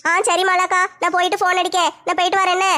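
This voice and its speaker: A woman's voice: very high voice, level tone, quick pace, bright, forceful tone. A woman playing a tearful young woman who is crying.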